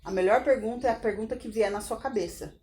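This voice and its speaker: A middle-aged woman tells a story in a relaxed, conversational way. Her voice sits a little high, and it leaps up sharply when a moment gets dramatic. She often breaks off for quick laughing asides. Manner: animated retelling with sudden pitch jumps and laughing asides. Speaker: podcast host. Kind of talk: casual storytelling.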